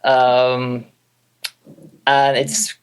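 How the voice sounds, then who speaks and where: A man's voice: medium pitch, monotone, very slow, clear, resonant tone. A man in his twenties from Finland, a native Finnish speaker, talking in a casual interview on a call, hesitant with many fillers, restarts and light laughs. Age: 20s. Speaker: guest music producer. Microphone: call audio.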